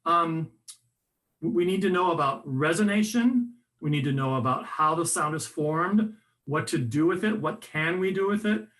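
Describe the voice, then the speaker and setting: A man's voice: fairly high pitch, moderate pace. A man presenting a voice workshop in a conversational, instructive way, often restarting his sentences. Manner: conversational, animated, with frequent restarts and fillers.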